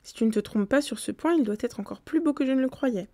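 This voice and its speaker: A woman reading the lines of a gentle, indulgent old nobleman speaking fondly to his daughter. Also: high-pitched, fast talker, no echo, close to an everyday voice. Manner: fond, indulgent.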